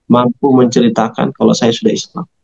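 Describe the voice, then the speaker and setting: A man telling his conversion story in an interview, animated, acting out quoted dialogue in a raised voice. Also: medium pitch, fairly quick, vocal fry, dull audio. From Medan, North Sumatra.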